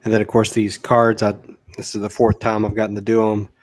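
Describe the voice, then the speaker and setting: A man talking casually about his illustration work in a steady, matter-of-fact way. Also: lowish voice, fairly quick. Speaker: guest illustrator. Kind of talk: casual chat.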